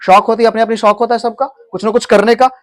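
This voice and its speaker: A man with an Indian accent teaches an English class in a fast, steady, high-pitched voice. He asks questions, has students repeat after him, and mixes Hindi phrases into his English.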